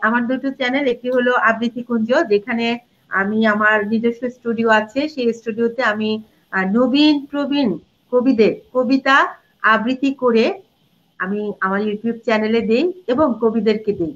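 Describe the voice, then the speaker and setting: A woman's voice: fairly high pitch, fairly even intonation, moderate pace. A middle-aged woman, a Bangla teacher and reciter, explaining pronunciation rules in a live interview and demonstrating words and short sung lines. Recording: dull lo-fi audio.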